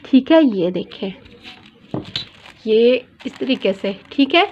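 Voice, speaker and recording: A woman talks through a sewing tutorial at an unhurried, careful pace, in a slightly high voice. She patiently repeats each measurement so nobody falls behind. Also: expressive, lo-fi sound, a little hiss or hum. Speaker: dress designer teaching pattern drafting.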